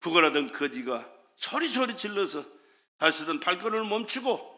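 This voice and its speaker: A man preaching a sermon as pastor, with impassioned delivery that swings from shouted cries to hushed, quiet lines. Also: high-pitched, very animated, moderate pace.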